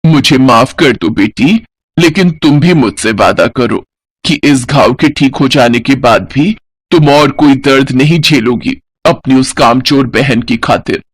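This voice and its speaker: A man's voice: mid-range voice, animated, unhurried, fairly bright tone, husky, dry recording, voice pushed down. A man voicing a stern middle-aged mother-in-law in a storybook cartoon. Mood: tender. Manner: scolding, firm.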